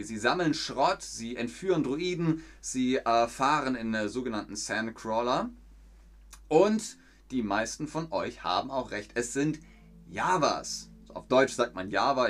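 Man hosting a live fan stream, casual chatter, reads viewer comments aloud, hesitant fillers, mid-pitched voice.

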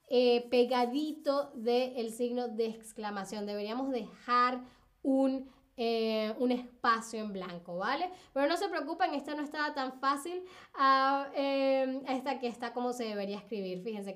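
Slow, high-voiced woman teaching live. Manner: slow, patient explaining with many fillers and cheering praise. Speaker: Spanish teacher. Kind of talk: live-streamed spelling lesson.

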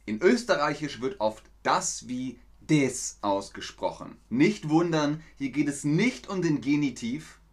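A man's voice: fairly high pitch, animated, a little slow, few pauses. A man teaching German on a livestream, explaining pronunciation and answering viewers' chat questions in a chatty, explanatory way. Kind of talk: livestream language lesson reading chat.

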